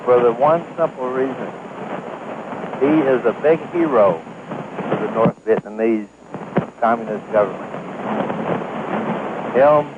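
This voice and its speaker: A halting man in his fifties calls in over a landline phone. The line is tinny and narrow, with clear hiss running under his voice, and his pitch sits in an average range. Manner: halting, many hesitations. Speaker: caller. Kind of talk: call-in talk radio.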